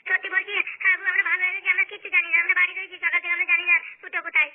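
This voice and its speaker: A very high, rapid cartoon woman, begging to be believed. She talks in a fast, urgent rush. The sound is thin and tinny, like a phone line. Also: little pitch movement. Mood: pleading. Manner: pleading, desperate. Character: reformed ex-troublemaker woman pleading innocence.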